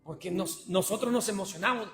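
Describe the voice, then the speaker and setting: A man preaching a sermon, swinging between shouted passionate lines and low conversational asides. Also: brisk.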